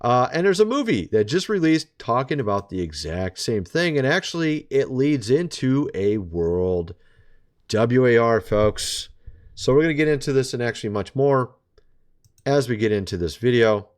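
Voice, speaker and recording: A man delivers a casual video monologue with a sarcastic, chatty edge. His pitch swings around a lot, with a middle-of-the-road pitch underneath. He talks straight at the audience like an old friend. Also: very animated, moderate pace. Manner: sarcastic, chatty, keeps addressing listeners as folks. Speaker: vlogger.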